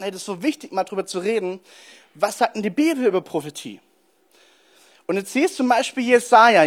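High-voiced man preaching casually. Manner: animated storytelling, addresses listeners directly. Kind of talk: conversational sermon.

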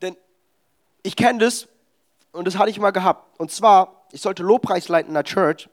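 A man's voice: high-pitched, moderate pace. A young man preaching a sermon, telling stories with quoted dialogue. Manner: animated, storytelling with quoted dialogue.

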